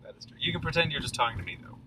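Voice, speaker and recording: A man's voice: mid-range voice, sing-song, rapid-fire, distant mic, background noise. A young man hosting a casual podcast chat from inside a car while driving, chatty and laughing often. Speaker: podcast host. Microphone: camera held on the passenger's lap.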